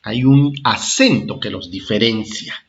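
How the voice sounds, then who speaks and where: Man, primary teacher, very slow, repeats himself, dull lo-fi sound. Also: on the low side. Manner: slow, repetitive, checks understanding with "¿ah?" and "¿de acuerdo?". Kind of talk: recorded classroom lesson for children.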